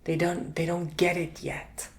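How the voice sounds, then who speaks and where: Soft-spoken man with a gravelly voice. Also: sits high, flat delivery, measured pace. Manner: intimate, chatty, calls the listener honey and sugar; repeats words for emphasis. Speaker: tarot reader. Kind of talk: ASMR tarot reading, soft-spoken with whispers.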